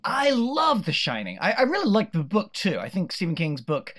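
Animated, teasing woman podcaster. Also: mid-range voice, normal speed. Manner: animated, laughs easily, teasing. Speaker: podcast co-host. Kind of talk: casual film discussion.

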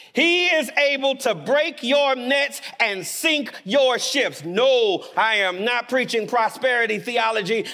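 A man preaching a sermon in a chapel, animated and emphatic, dropping suddenly to quiet words. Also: very high-pitched.

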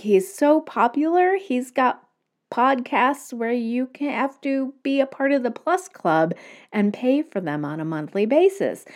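Hosting her podcast alone, a woman with a lowish, slightly mellow voice talks in a conversational way and offers recommendations to listeners.

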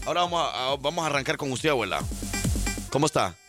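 A man's voice: mid-range voice, big pitch swings, fast. A man hosting a morning radio show with upbeat, hyping banter and sing-song calls to listeners. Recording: music bed behind the voice. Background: music.

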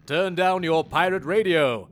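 A man playing a jovial old sea dog who hosts a pirate call-in show, speaking in theatrical pirate talk. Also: sits high. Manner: theatrical pirate speech, drawn-out delivery, playful. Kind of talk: comedy skit acting.

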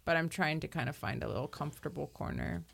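Woman, 30s, low pitch, soft hesitant speech, tabletop player. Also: sing-song, fast talker, vocal fry, a little hiss or hum. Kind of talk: in-character tabletop play.

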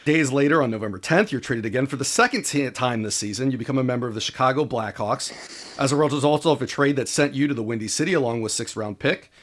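A man hosting an interview, asking questions in a lively way. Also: medium pitch, fast talker. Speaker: podcast host, interviewer.

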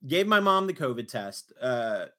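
A man hosting a podcast, telling a story with animated, exasperated retelling in casual chat. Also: mid-range voice, a little slow. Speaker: podcast host.

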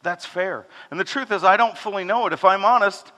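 A man preaching a sermon to his congregation in a conversational way, asking rhetorical questions and dropping low and soft when he speaks God's words. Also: fairly quick. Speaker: pastor. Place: church hall. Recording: long hall reverb.

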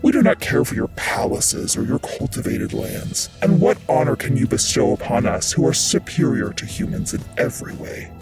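Proud old genie, gravelly, hollow, stately pace, loud music behind. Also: male voice, mid-range voice, very animated. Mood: solemn. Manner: slow, stately, commanding speech. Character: hulking ancient male genie, proud and lonely.

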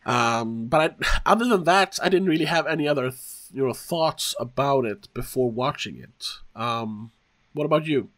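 A man's voice: mid-range voice, lively intonation, a bit bright. A wheezy, congested man hosting a podcast. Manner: halting, repeats words and trails into asides. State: congested with a cold, slightly wheezy. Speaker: podcast co-host. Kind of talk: casual conversational podcast talk.

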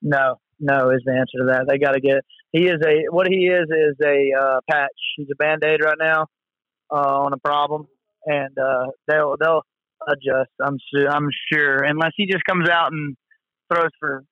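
Higher-voiced bro-ish guy, dull recording. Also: steady tone, normal speed, no room sound. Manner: bro-ish slang, enthusiastic, repeats himself. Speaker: co-host of a sports talk show. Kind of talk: casual sports chat.

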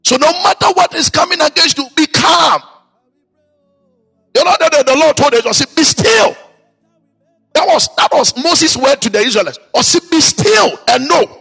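High gravelly preacher chanting over music. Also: male voice, expressive, moderate pace. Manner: chanting, sing-song emphasis, repeating lines with shouted peaks. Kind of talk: sermon.

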